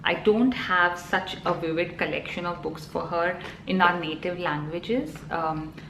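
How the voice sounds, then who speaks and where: A parenting vlogger in her thirties, a native Telugu speaker with an Indian accent, talks casually to camera, filling pauses with ums and you-knows. Her voice is a little low and a bit bright. The room is echoey, with a faint hum of ambience.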